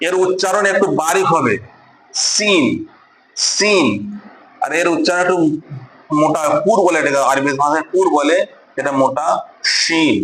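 Patient man teaching letters, echoey room. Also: on the high side. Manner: patient, repeats each letter slowly and draws out sounds. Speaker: Quran reading teacher. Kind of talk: beginner Arabic alphabet lesson.

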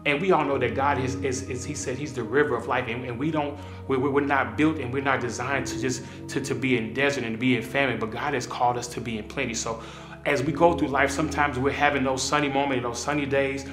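A man in his thirties, a pastor, giving a relaxed, conversational devotional talk to camera from a small indoor studio, with plenty of ums and uhs. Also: medium pitch, quick pace. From Kansas City area. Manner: relaxed, conversational, filler-heavy. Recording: roomy sound with soft music behind.

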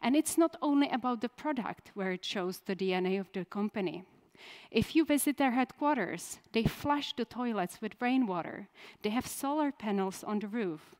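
A woman's voice: a little high, lively intonation, moderate pace, darkish tone. Woman, 30s, Czech native speaker, conference keynote, direct, questioning, stage mic. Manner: direct, poses questions to the audience.

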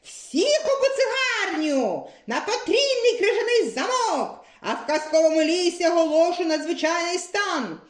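A screeching, tyrannical ice lord from a storybook, shrieking orders and freezing spells in a voice pushed very high. The pitch leaps wildly from line to line. The room around the voice has a clear echo. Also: female voice, animated, measured pace, few pauses. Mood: raging. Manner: screeching, shouting threats and spell chants.

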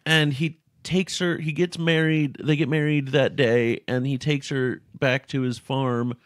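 A man's voice: medium pitch, little pitch movement, a little slow, dry recording, studio quality. A young adult man co-hosting a casual film podcast, easygoing, often agreeing and recapping the story. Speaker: podcast co-host.

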